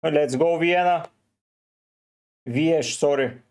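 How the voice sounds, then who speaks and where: Slow-talking Bulgarian man with a high voice. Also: a little mellow. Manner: slow, musing, answers viewers one by one. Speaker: fantasy football streamer. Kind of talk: live stream chat, reading comments.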